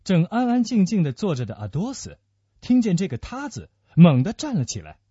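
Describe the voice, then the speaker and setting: A man narrates a dramatic tale with lively, expressive rises and falls. His voice is husky. The recording sounds muffled and dry. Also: sits high, normal speed, no room sound. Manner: expressive storytelling.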